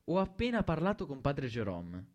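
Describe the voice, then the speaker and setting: A man voicing a stern, formal male teacher who speaks in measured phrases. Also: fairly high pitch, wildly swooping pitch, a little mellow, lo-fi sound.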